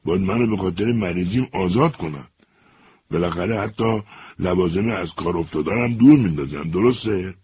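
A man voicing a male prisoner who feigns madness, speaking slowly and self-pityingly. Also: low voice, a little mellow, a little hiss or hum, lightly acted.

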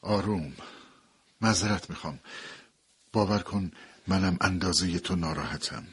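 A man playing a gruff reserved father-in-law. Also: deep voice, fairly bright tone, a little hiss or hum. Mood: soothing. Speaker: voice actor in an audio story. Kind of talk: dramatic audiobook dialogue.

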